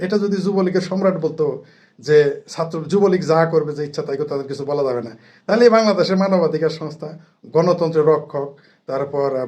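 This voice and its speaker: Man, sarcastic political rant, mocking, slightly high voice. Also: darkish tone. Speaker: political commentator. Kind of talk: angry political monologue.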